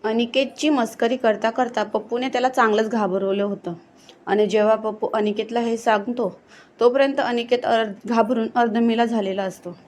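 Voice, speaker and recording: A woman narrating a horror story in a steady, suspenseful storytelling manner. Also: fairly high pitch, moderate pace, a little hiss or hum.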